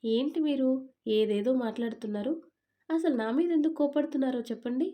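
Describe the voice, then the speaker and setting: A woman's voice: high-pitched, brisk, mellow, voice pushed up, natural voice. A woman doing a sulky young bride. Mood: puzzled. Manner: complaining, pouting.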